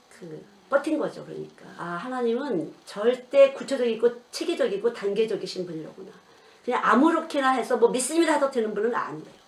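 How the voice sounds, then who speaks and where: An older woman preaching a sermon as a children's missionary, telling stories and acting out the voices of the people she quotes. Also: fairly high pitch. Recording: echoey room, voice from a distance.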